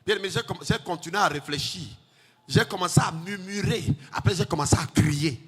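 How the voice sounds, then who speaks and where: A male pastor, preaching a sermon in a chanting, sing-song way that builds to shouts. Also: high voice, brisk, husky. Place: church hall. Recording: long hall reverb, faint music.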